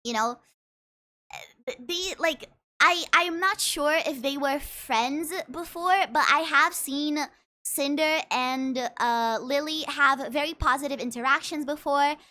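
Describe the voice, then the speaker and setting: A woman's voice: high-pitched, slow pace, pushed and bright. A woman making a commentary video in a casual, earnest way, her voice shaky with emotion and her words often repeated. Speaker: commentary YouTuber.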